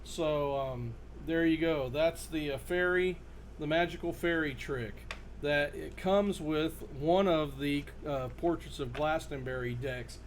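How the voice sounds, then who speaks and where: A man giving a casual, halting demonstration to camera as a performer showing a card trick. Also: on the high side. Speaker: magician and performer presenting his card trick. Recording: noticeable background noise.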